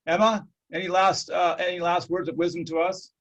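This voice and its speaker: A man's voice: high voice, level tone, fairly quick, a bit bright, muffled recording. Earnest man hosting. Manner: rambling, earnest, reflective. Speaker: host. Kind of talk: casual interview.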